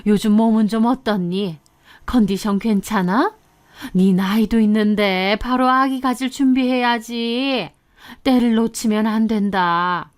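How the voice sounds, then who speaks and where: A woman's voice: a little high, a little slow, close to an everyday voice. A woman voicing an angry older mother-in-law in an audiobook story, scolding in indignant outbursts. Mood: probing. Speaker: narrated story character.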